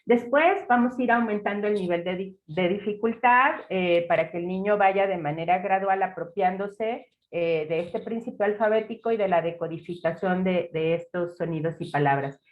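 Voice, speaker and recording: A woman's voice: mid-range voice, moderate pace, few pauses, narrow, tinny audio. Methodical Mexican woman lecturing. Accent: Mexican Spanish. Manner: methodical, explains step by step with example words. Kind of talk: academic talk with slides.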